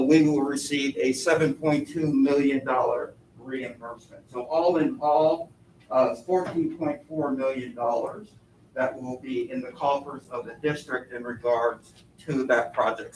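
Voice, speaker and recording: Guy in a face mask doing a formal presentation, kinda muffled, far from the mic in an echoey room. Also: mid-range voice. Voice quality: slightly muffled, speaking through a face mask. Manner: measured, formal, wordy explaining. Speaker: consultant presenting to a school board. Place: indoor board meeting room. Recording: echoey meeting room, distant mic, faint noise.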